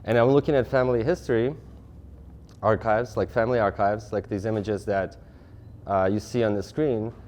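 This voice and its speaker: A man in his thirties from Russia giving a lecture presentation, talking fast, with frequent restarts and fillers. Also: lowish voice, steady tone, a little mellow, slight background noise. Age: 30s. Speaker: guest speaker.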